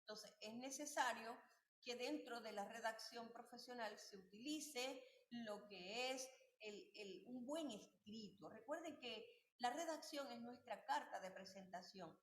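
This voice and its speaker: A woman's voice: a little high, a little slow. Woman teacher lecturing in an echoey room. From Venezuela. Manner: explains patiently, with rhetorical questions to students. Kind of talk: recorded class lecture.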